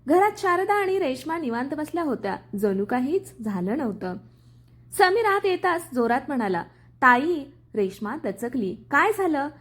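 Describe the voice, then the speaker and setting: A woman's voice: high-pitched, very animated, moderate pace. A woman narrating a family drama story in a dramatic storytelling manner.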